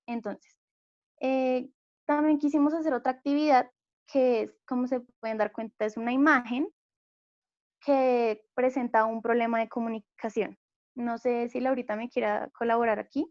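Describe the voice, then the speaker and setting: A young Colombian woman with a high voice gives a class presentation, explaining patiently and padding her sentences with small fillers. The sound is dry and close, on a dull, lo-fi recording. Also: steady tone, moderate pace, a little mellow, no echo. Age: young adult. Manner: explanatory, many fillers like eh and pues. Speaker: student presenter.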